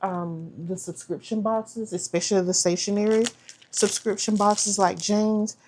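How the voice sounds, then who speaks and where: A woman's voice: medium pitch, steady tone, a little slow, a little mellow, slight background noise. A woman chatting casually as she unboxes a planner subscription box, trailing off and restarting, and saying "y'all". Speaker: planner vlogger.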